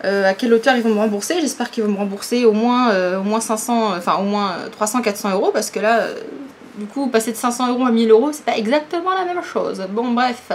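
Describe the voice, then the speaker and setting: A woman with a fairly high voice chats casually as a vlogger. She is hesitant, stretching out her fillers. A fan whirs faintly right beside her. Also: quick pace. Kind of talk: casual chat to camera. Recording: noisy, electric fan whirring nearby. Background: electric fan running right beside her.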